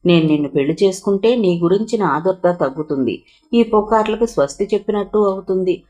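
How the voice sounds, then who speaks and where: A woman voicing a gentle earnest suitor. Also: fairly quick, lightly acted. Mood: tender. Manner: calm, low-voiced pleading. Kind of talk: audiobook reading of a novel.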